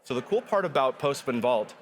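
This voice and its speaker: A man guest explaining a software product in an upbeat, explanatory way, with some restarts. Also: medium pitch, animated, fairly quick, a little hiss or hum. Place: conference studio set.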